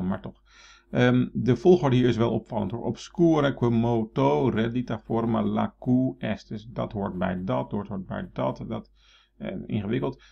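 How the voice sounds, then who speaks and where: A man's voice: on the low side, vocal fry, mellow, slightly rough, highs cut off. A man teaching Latin, thinking aloud with many fillers and restarts and reading verse aloud in a raised voice. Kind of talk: explaining a Latin text.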